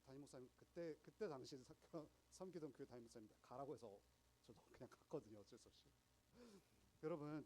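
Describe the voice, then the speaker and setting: A man's voice: fairly high pitch, a little mellow, slight background noise, low-quality recording. A young man preaching a sermon to teenagers. He talks in a chatty, explaining way and keeps asking the audience questions. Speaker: youth group preacher.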